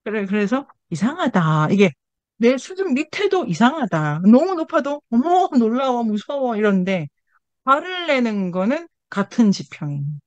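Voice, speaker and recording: A woman leading a book seminar, reading passages and commenting in a lively way, often laughing and acting out scolding voices. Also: on the high side, moderate pace, no room sound. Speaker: seminar leader.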